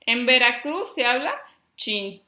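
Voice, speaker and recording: Slow, bright-voiced Mexican woman teaching. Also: a little high, expressive. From Chiapas, Mexico. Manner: reads lists slowly, checks in with "¿sí?". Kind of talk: classroom lesson. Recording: echoey room.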